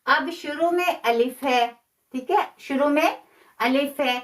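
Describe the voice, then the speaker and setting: A woman teaching a live online Quran class, patiently repeating key phrases and slowing down to demonstrate pronunciation. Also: high-pitched, a bit bright. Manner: stretches words slowly when demonstrating pronunciation.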